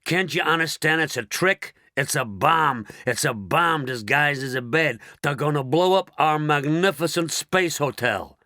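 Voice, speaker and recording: A gruff President with a deep, rasping voice, snapping insults and commands, as a man acts him out. He sounds dry and close, an impatient leader in a storybook. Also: a little slow, hardly any pauses, pushed and bright, no room sound. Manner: barks insults and orders. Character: gruff bossy male US President, adult.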